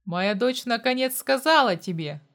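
A woman voicing a cold, ruthless middle-aged father in an audiobook, curt and loud. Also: fairly high pitch, animated, normal speed.

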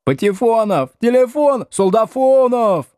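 A man voicing a rowdy class of teenage schoolkids who shout and jeer from the back rows. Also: very high voice, lively intonation, unhurried, clean tone, dry recording, clean studio sound, pitched above the performer's own voice. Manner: jeering, shouting.

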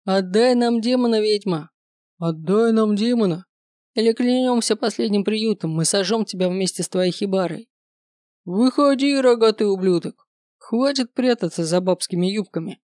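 A reader doing a furious shouting village mob. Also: mid-range voice, normal speed, no echo, clean studio sound, lightly acted. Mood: threatening. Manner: shouting, threatening. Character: angry village mob men, shouting threats.

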